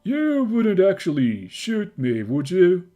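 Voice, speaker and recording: Unhurried, earnest adventurer. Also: male voice, high-pitched, wildly swooping pitch, dark tone, heavily acted. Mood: probing. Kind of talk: fantasy video game dialogue acting.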